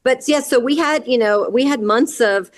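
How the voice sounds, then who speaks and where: A woman's voice: high-pitched, moderate pace. A woman in her forties, an interview guest and parent, speaking candidly and at length about her family. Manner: earnest, candid, recounting at length. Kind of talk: conversational interview storytelling.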